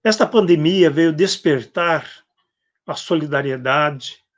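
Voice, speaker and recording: A man with a Brazilian Portuguese accent giving a reflective spiritist sermon, acting out gospel quotes and clearing his throat often. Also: a little high, takes it slowly. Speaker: spiritist speaker. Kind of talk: spiritist sermon on a live stream.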